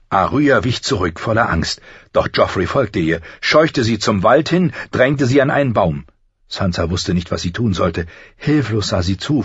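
A man narrating a fantasy novel in measured, dramatic storytelling. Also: fairly low pitch, a bit bright, breathy edge, dry recording, muffled recording. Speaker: audiobook narrator. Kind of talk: scripted narration.

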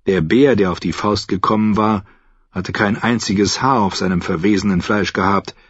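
A man reading an audiobook in a measured, calm narrating style. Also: on the low side, husky, dry recording, muffled recording. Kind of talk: scripted narration.

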